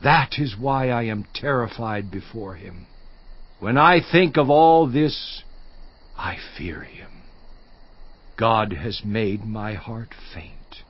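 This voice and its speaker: An actor playing Job, a suffering man voicing a bitter complaint in a dramatized scripture reading, slow and grave, sinking at times to a hushed near-whisper. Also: lowish voice, very animated, breathy edge, exaggerated voice. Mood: anguished. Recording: slightly dull dry studio recording.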